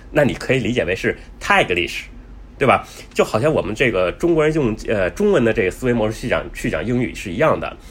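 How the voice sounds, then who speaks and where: A man's voice: medium pitch, husky. A man giving travel advice in a casual, explanatory way, with many fillers and restarts. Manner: says he talks fast. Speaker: travel vlogger.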